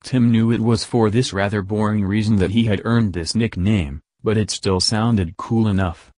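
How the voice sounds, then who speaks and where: A man reading an audiobook in a steady, measured narration, recorded close to the mic. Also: lowish voice, no room sound.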